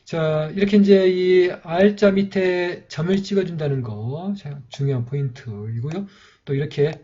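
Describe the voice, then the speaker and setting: A man's voice: a little high, measured pace, warm tone, slightly rough. A man patiently teaching how to write the letters of an old script, repeating himself as he goes. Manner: patient, repeats "이렇게 이제" often. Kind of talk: handwriting lesson. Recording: dull lo-fi recording.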